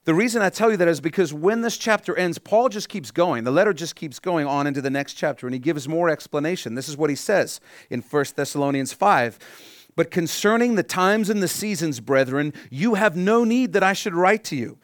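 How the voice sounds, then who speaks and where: A pastor preaching an emphatic sermon, his voice sitting a little high for a man. He reads scripture and stops to question the congregation, climbing loud on key phrases, then dropping low and quiet. The sound is dry and close, with little room around it. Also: animated, fairly quick, no room sound.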